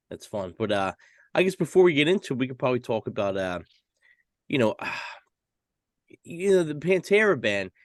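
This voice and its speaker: A man's voice: mid-range voice, no room sound, studio quality. A man co-hosting a casual podcast chat in an easygoing way. He laughs often and fills his sentences with "you know". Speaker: podcast co-host.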